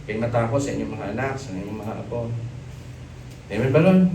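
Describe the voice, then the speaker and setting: A middle-aged man with a Filipino accent preaching a sermon, animated and joking, mixing Tagalog with English. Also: mid-range voice, brisk, far from the mic, background noise. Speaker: pastor. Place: church hall. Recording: echoey church hall, from off the mic.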